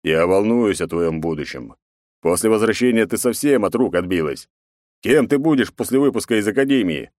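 A man voicing a gruff, commanding middle-aged emperor and father in an audiobook. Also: on the low side, expressive, normal speed, a little mellow, no echo, studio quality, close to an everyday voice. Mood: stern.

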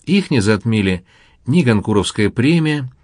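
A man narrating an audiobook in a calm, measured storytelling manner. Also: mid-range voice, no room sound, studio quality.

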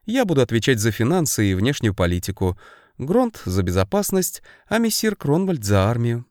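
Мужчина читает аудиокнигу и озвучивает хитрого молодого принца, говорящего убедительно и слегка насмешливо, чуть выше своего голоса. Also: male voice, mid-range voice, big pitch swings, normal speed, darkish tone, no echo, clean studio sound, close to an everyday voice. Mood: persuading. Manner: persuasive, mildly mocking. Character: sly young male prince, persuasive and lordly.

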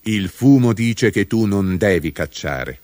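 Man doing a calm, grave old grandfather. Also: on the low side, slow pace, no echo, studio quality.

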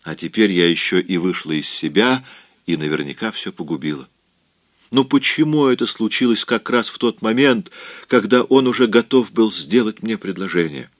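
A man voicing a proud, hot-tempered young Southern belle in an audiobook, with a sharp, mocking, coquettish delivery. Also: on the low side, animated, moderate pace, dry recording, lightly acted. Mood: self-reproach.

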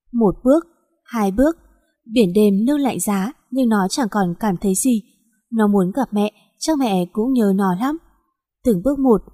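A woman reading a romance story aloud as narrator, in a slow, melancholy manner. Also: medium pitch, warm tone. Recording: long hall reverb.

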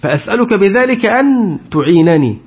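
Guy teaching quran tafsir, kinda high voice, muffled lo-fi sound. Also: big pitch swings, brisk. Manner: asks the class questions and repeats their answers. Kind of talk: tafsir lesson. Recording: dull lo-fi recording.

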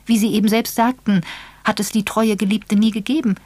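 A woman's voice: mid-range voice, fairly even intonation, brisk, dry recording, pitched above the performer's own voice, natural voice. Patient old lady sleuth in a radio story, mild and knowing, dry close sound a woman voices her. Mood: explaining. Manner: mild, patient, gently lecturing. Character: elderly shrewd spinster detective, gently amused.

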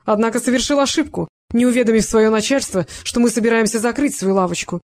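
A narrator putting on a shrill sneering crook. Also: male voice, fast talker. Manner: shrill, sneering, shrieks when cornered. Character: sneering cowardly male gang crook.

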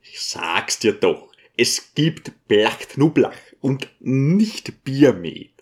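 A brusque, scheming man, as the reader puts him on, insisting and brushing others off. His delivery rises and falls in lively swings. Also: mid-range voice, extremely slow. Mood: insistent. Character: pushy scheming male guest, brusque.

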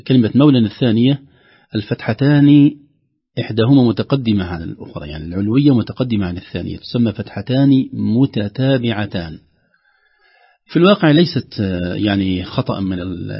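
Male tajweed teacher, mid-low husky voice, slow deliberate recitation demos, muffled lo-fi audio. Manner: slow, emphatic demonstration of recitation. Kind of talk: tajweed lesson with call-in students.

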